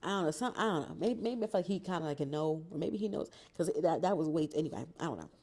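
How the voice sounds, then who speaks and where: A woman's voice: low-pitched, animated, fast talker, a little mellow. A woman reading a novel aloud and breaking off for casual, profane reactions. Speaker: book reader and reactor.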